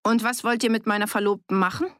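A woman's voice: fairly high pitch, fairly even intonation, fast talker, fairly bright tone, no room sound, clean studio sound, pitched above the performer's own voice, lightly acted. A woman voicing a young male journalist who speaks pointedly and with indignation. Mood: indignant. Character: young male journalist, engaged to accused woman, quiet turned defiant.

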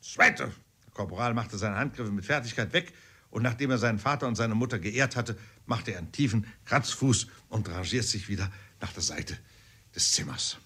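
Audiobook narrator, man, husky tone, measured literary reading. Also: lowish voice, a bit bright. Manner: measured storytelling with occasional fillers.

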